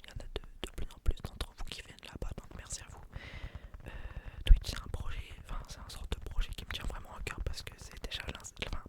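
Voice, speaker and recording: Whispering young man, quiet at night. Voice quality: breathy whisper. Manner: quiet, unhurried late-night murmur; informal, hesitant, rambling. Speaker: ASMR video creator and streamer. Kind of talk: ASMR, casual chat.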